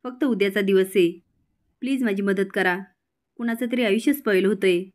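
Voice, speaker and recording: A woman's voice: mid-range voice, fairly quick, lightly acted. Pleading determined young woman, as a recapping narrator reads her, insistent. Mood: urgent.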